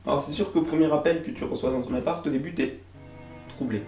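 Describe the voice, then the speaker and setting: Exasperated and theatrical, a young YouTuber rants comically and casually to the camera, swearing in slang as host of the video. He speaks quickly at a fairly high pitch with a slightly mellow tone, over music and a roomy echo.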